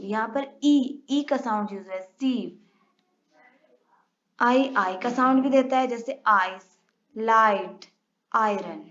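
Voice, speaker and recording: Slow, careful woman teaching a lesson. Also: fairly high pitch, fairly bright tone. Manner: slow, careful, spells out letters and sounds. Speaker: English teacher. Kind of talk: recorded lesson. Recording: dull lo-fi recording.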